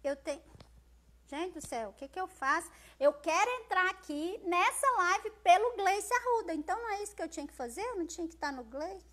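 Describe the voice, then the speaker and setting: A Brazilian woman with a Brazilian accent, talking loudly and expressively to viewers on a phone live stream. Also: very high-pitched, fairly quick. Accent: Brazilian Portuguese. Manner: loud, forceful, expressive, chatty, reads out viewer comments. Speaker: social media live host. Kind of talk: casual live-stream talk.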